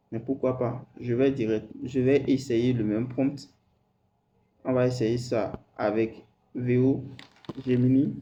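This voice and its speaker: A man hosting a screen-recorded software tutorial, talking hesitantly and repeating words as he types. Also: medium pitch, dull audio, a little hiss or hum. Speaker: tutorial host.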